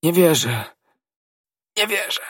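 A man's voice: medium pitch, slow, no room sound, clean studio sound, pitched above the performer's own voice. A man voicing a poisoned young soldier in his final agony, weak, faltering and accusing. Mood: anguished. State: dying, in agony. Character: dying poisoned male soldier, bitter and accusing.

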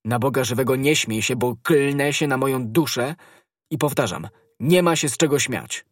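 A man voicing a hot-headed young swordsman who speaks solemnly and urgently, often hushed, in a storybook reading. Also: fairly low pitch, unhurried, no room sound, studio quality. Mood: vehement.

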